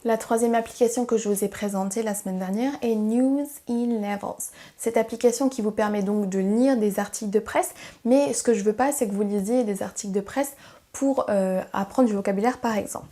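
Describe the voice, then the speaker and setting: A woman's voice: on the high side, fairly quick, mellow. A woman speaking as a language teacher, giving an encouraging, explanatory lesson to camera with a few hesitations. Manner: friendly, encouraging, explanatory with some fillers. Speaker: English teacher.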